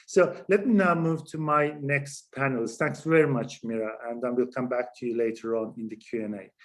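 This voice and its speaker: A man moderating a panel discussion over a video call, courteous and a little hesitant, with fillers. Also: fairly high pitch.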